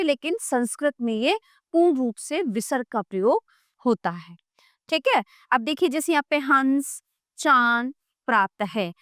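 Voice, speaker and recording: A woman's voice: high voice, no echo, clean studio sound. A woman teacher explaining a grammar book, sounding out letters one by one and often checking that the listener follows.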